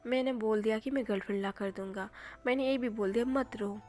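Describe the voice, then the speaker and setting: A woman's voice: a little high, a little fast, darkish tone, lightly acted. A woman doing a dry, teasing young man. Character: calm, teasing young man, unbothered best friend.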